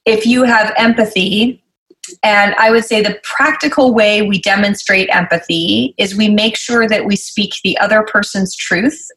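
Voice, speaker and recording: A woman's voice: mid-range voice, steady tone, a little slow, a bit bright, poor audio. A woman guest in an interview, explaining conflict at work in an articulate, conversational way and acting out quoted emails.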